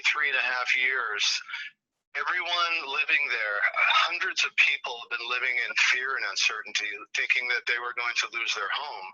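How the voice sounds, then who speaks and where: A man, a tenant plaintiff, speaking emotionally with halting restarts during a press conference over the phone. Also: medium pitch, sharp tone. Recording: muffled phone line.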